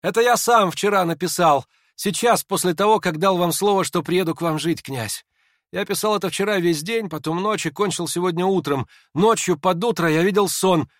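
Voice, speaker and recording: A man's voice: a little slow, hardly any pauses, no echo, clean studio sound. A man doing a hysterical feverish young man. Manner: excitable, shrill, laughing strangely. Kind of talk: audiobook character reading.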